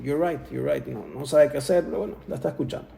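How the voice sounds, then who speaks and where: A man giving a Torah talk as a lively story. He acts out the people in it, slips into English phrases and Hebrew terms, and closes with toasts. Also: fairly high pitch, fast, creaky, a little hiss or hum. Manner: ends with toasts. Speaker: Torah speaker. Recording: roomy echo.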